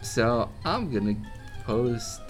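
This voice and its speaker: A man running a tabletop game as game master, narrating scenes in a lively, playful way. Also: mid-range voice, takes it slowly, faint music behind.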